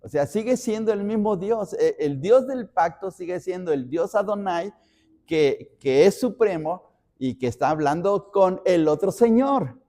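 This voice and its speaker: A man's voice: sits high, lively intonation, unhurried, warm tone. A man from Mexico, a pastor teaching a Bible study, explaining word by word and repeating phrases as he reads references.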